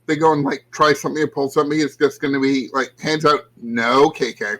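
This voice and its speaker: A man's voice: on the high side, little pitch movement, fast, a bit bright, rough recording. A man player chatting casually at a game table, matter-of-fact.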